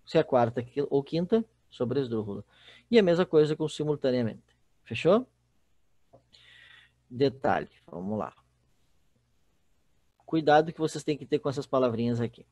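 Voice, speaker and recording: A male teacher with a Brazilian Portuguese accent explains a lesson to an online class. He works step by step and keeps checking whether the students follow. His voice sits at an ordinary middle pitch, recorded close and dry with no room sound. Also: lively intonation, normal speed, long pauses, dark tone, no room sound. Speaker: Spanish teacher.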